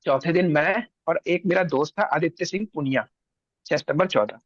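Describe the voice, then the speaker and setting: A man's voice: fairly high pitch, normal speed, no echo, muffled recording. A young man from India, a guest on an interview show, telling his story casually and acting out what others said. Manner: animated, acts out others' lines.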